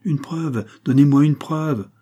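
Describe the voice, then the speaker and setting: A man's voice: mid-range voice, normal speed, warm tone, breathy edge, lightly acted. A man reading a novel aloud, voicing an anguished, demanding young noblewoman. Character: distraught young noblewoman, proud painter.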